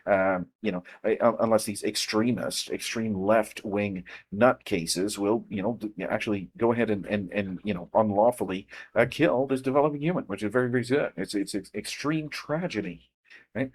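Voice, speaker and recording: A man talks through slides in an unscripted lecture, his voice sitting a little low. He is halting, full of fillers and restarts, and keeps checking in with "right?". He presses his points with emphatic indignation. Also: breathy edge. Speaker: presenter explaining embryology.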